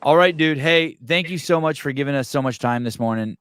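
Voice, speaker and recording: A man's voice: on the high side, fairly quick, a bit bright, smooth, no room sound, studio quality. A man hosting a podcast in loose, casual interview chat, swearing freely and stammering on restarts. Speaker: podcast host.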